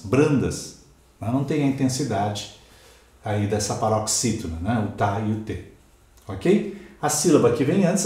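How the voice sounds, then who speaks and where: Brazilian man, portuguese teacher, exam-prep lecture, didactic, mid pitch, roomy echo. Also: darkish tone. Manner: didactic, stresses example words, asks "ok?" and "certo?".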